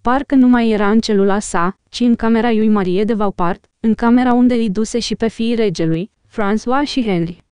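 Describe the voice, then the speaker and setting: A woman narrating an audiobook in a steady, even storytelling manner, recorded close on a studio mic. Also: fairly high pitch, hardly any pauses, clear, resonant tone, dry recording.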